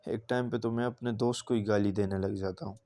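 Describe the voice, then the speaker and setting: A man's voice: on the low side, steady tone, a little fast, mellow. A man giving a casual gameplay commentary voice-over, recounting his match and talking straight to the viewers. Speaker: gaming channel creator.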